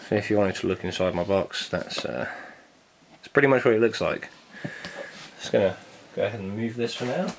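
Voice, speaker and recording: A man with a low, deep voice and a gravelly, fry-heavy edge talks through an unboxing in a relaxed, offhand way. He cracks small jokes and drops the odd swear word as he goes. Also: fairly quick, slight background noise. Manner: laid-back, jokey, swears casually. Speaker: vinyl collector vlogger. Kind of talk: casual unboxing chat.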